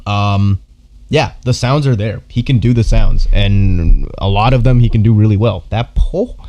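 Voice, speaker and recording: A man talks through his verdict on a live stream, rambling and full of fillers. His voice sits low with a gravelly, dark tone. The sound is dry and close. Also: a little slow, no echo, muffled recording. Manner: rambling, filler-heavy, laughs while talking. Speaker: beatbox judge reacting to entries. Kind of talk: casual live-stream commentary.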